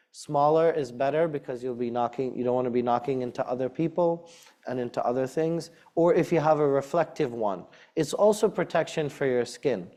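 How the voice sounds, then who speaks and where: A man's voice: mid-range voice, dark tone. A man speaking as an imam, giving a congregation practical, conversational advice and repeating words for emphasis.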